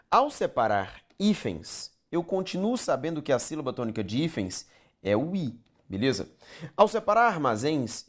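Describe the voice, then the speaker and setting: Lively, emphatic Brazilian male teacher. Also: mid-range voice. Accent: Brazilian Portuguese. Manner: emphatic, repeats key points, asks rhetorical questions. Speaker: grammar teacher. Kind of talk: recorded grammar lesson.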